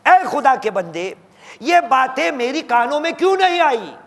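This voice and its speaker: High gravelly preacher man in a hall. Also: big pitch swings, fairly bright tone. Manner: rhetorical questions and repeated refrains, rising sharply for emphasis; recites Quranic verses in Arabic between plain exhortation. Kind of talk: sermon. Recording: long hall reverb.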